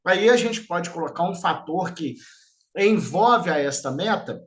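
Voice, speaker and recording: This middle-aged man leads a live online class with a high, slightly bright voice, lively intonation, and a measured pace. Informal and chatty, he alternates between lecturing and asking students questions, regularly adding "tá?".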